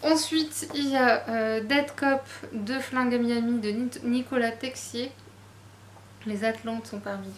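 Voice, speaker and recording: A woman's voice: on the high side, steady tone, a little slow, echoey room, a little hiss or hum. A woman chatting casually about her latest book purchases, self-deprecating and full of fillers. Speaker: book vlogger. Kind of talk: casual book haul chat.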